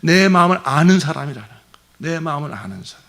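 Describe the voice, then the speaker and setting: A male pastor delivering a Sunday sermon, swinging between raised, passionate preaching and soft, near-whispered asides. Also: on the high side, lively intonation, fast talker, vocal fry. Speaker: senior pastor. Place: church sanctuary.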